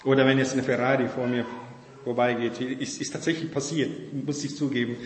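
A man's voice: mid-range voice, level tone, fairly quick, a little hiss or hum. Man preaching in an echoey hall. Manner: conversational preaching with frequent "ne?" tags. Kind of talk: sermon. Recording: echoey hall with long reverb.

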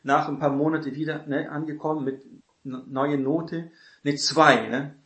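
Mann, lockere Bibellehre in hallendem Raum. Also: male voice, on the high side, fairly even intonation, moderate pace, a bit bright, roomy sound, dull audio. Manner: conversational, frequent tag questions, acts out quoted voices. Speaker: preacher teaching on church elders. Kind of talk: informal Bible teaching.

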